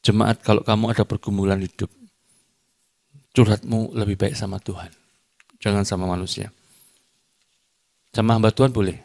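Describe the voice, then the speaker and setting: A middle-aged preacher from Indonesia delivers a church sermon. He goes from loud, emphatic declarations down to quiet, confiding asides and teases the congregation now and then. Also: fairly low pitch, flat delivery, normal speed, vocal fry, pauses often. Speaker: evangelist preacher. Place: church hall during a service.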